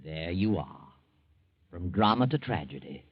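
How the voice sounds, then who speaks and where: Slow, sinister male narrator, the Whistler. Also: low-pitched, very animated, breathy edge, no echo, exaggerated voice. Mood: mocking. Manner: sinister, theatrical, slow and taunting. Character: mysterious, mocking all-knowing male narrator of crime tales. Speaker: narrator and host. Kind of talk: 1940s radio mystery narration. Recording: muffled 1940s radio recording, music behind.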